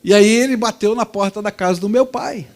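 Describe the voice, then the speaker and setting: Male church preacher, somewhat high voice, vivid storyteller with big swings in volume. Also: fairly quick. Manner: vivid storytelling, swings between loud and soft. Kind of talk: storytelling sermon.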